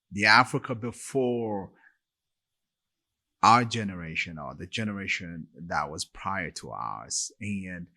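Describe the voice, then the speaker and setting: A man with a mid-range voice hosts a podcast interview. He asks long questions and murmurs steady agreement while his guest talks. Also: mid-range voice. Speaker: podcast host.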